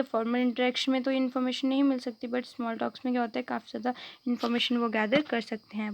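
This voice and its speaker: A woman teaching a grammar lesson, her voice gravelly with fry and pitched a little high, yet kept in a flat, narrow range. She explains in Hindi mixed with English, leaning on fillers and checking in often, then slows down to spell out the English phrases carefully.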